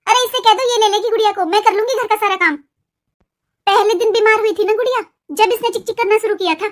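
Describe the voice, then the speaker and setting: A patient young cartoon mother who talks things through calmly and gently. Her voice is pitched extremely high, in the style of animated family stories. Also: fast talker. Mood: hurt. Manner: calm, reasoning, gently scolding. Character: elder daughter-in-law, patient young mother. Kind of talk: cartoon voice acting.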